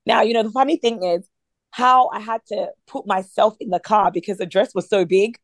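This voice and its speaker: A woman's voice: mid-range voice, normal speed, dry recording. A woman leading a prayer meeting by phone, talking in an earnest, conversational way with many fillers. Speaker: prayer line leader.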